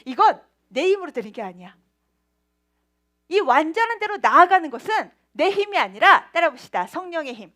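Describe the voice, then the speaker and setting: Lively high-voiced woman preaching to children. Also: normal speed. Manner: lively, playful, laughs often and acts out voices. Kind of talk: children's sermon.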